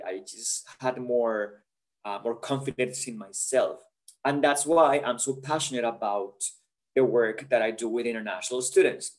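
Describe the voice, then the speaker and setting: A man from Colombia, a career counsellor presenting an online webinar over a video call, earnest and chatty, dotting his talk with "yeah?" and "right?". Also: mid-range voice.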